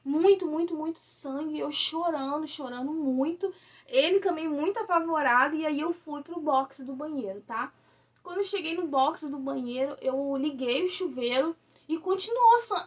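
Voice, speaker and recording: A woman's voice: sits high, moderate pace. A young Brazilian woman telling a personal story to camera from her bedroom, confiding and often checking in with her listeners. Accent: Brazilian Portuguese. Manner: confiding, tag questions like "sabe?" and "tá?". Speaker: vlogger.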